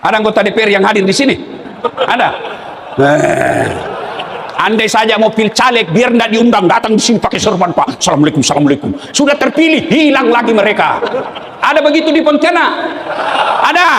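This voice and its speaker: A man with a Makassar Indonesian accent preaching a humorous sermon to a live crowd, joking and shouting questions for the audience to answer. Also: extremely high pitch, brisk, slight background noise. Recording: echoey hall, long reverb.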